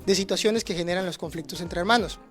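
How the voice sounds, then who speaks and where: A man's voice: sits high, quick pace, a bit bright. Male teacher, earnest explainer, frequent restarts and tag questions, faint music behind. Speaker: teacher speaking on conflict resolution. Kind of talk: livestreamed talk answering audience questions.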